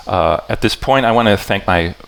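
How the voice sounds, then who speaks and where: A man with a low voice presents a puzzle talk to a live audience. He speaks in halting stretches, backing up to rephrase mid-sentence. Now and then he asks the room whether they are following. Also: expressive, vocal fry, a bit bright, smooth. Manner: halting and self-correcting, stops to restart sentences; talks directly to the audience with checking questions. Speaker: puzzle setter giving a convention talk.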